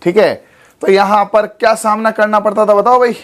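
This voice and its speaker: Hoarse high-voiced man teaching. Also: little pitch movement, a bit bright. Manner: quizzes students rapidly, repeats mnemonics. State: hoarse, sore throat. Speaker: exam coaching teacher. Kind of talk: animated online exam lesson.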